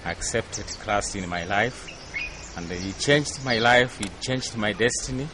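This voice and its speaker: Low-pitched Kenyan man, earnest testimony, clear outdoor noise behind. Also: a little slow. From Western Kenya. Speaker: ministry staff. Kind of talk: personal testimony. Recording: noisy outdoor recording.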